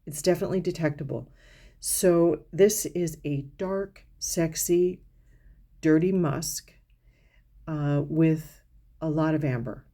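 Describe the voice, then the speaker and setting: Woman vlogger, low mellow voice, chatty perfume review, lots of ums and restarts. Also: takes it slowly. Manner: chatty, descriptive, with frequent fillers and restarts. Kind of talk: casual product review vlog.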